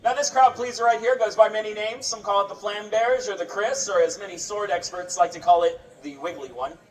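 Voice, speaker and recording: A brisk, mid-range voice belongs to a sword swallower doing comic live patter for festival-goers, bantering wryly in a showman's style toward the onlookers. A distant mic in a roomy setting catches the crowd noise too.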